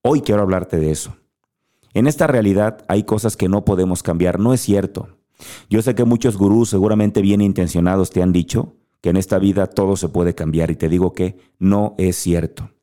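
A Mexican man hosting a podcast delivers an earnest motivational monologue directly to the listener. His voice is lowish with a dark tone.

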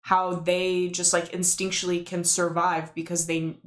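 A woman's voice: lowish voice, level tone, unhurried. A young woman from Washington state co-hosting a casual podcast, full of "like" and swearing. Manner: casual, filler-heavy, swearing. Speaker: podcast co-host. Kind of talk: casual chat. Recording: roomy echo.

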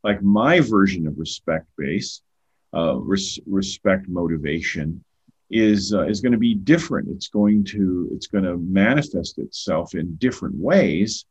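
An older man's low, loud, expressive voice carries a breathy edge as he speaks at a measured pace. Appearing as a podcast guest, he talks earnestly and conversationally, often repeating words at the start of a thought, on a dull lo-fi recording.

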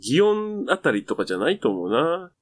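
A man's voice: a little high, sing-song, moderate pace, dry recording. A man with a Kyoto Kansai accent in casual, colloquial conversation, reacting with frequent backchannels. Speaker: talk show host who lives in Kyoto. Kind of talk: casual chat.

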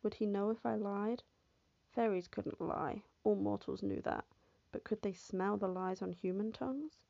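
A woman narrating an audiobook in first person, with a steady, even reading. Her voice is deeply gravelly and dark, with little rise and fall. The recording is dull, lo-fi and dry. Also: unhurried, no room sound.

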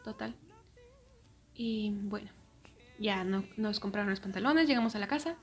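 A young woman with a Mexican accent telling a personal story in a casual way, often dropping into soft, near-whispered asides. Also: medium pitch, moderate pace, breathy edge.

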